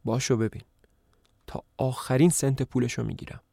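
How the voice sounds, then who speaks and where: A man's voice: medium pitch, fairly even intonation, vocal fry, mellow, no echo. A man voicing a bitter, mocking runaway son back home, read plainly in a dry, close sound.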